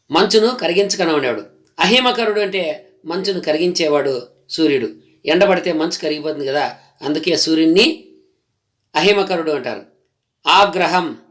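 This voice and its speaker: Male teacher, unhurried lesson delivery, fairly high voice, lists terms and explains each. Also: a bit bright. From Telugu-speaking region of India. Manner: lists words one by one, explaining each patiently. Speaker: Telugu grammar teacher.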